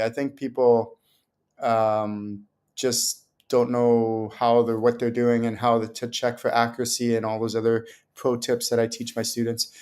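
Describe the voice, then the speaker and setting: A spiritual teacher with a mid-range, slightly mellow voice hosts a question-and-answer livestream. In this casual livestream talk, his explanations are loose and rambling, and he acts out little anecdotes.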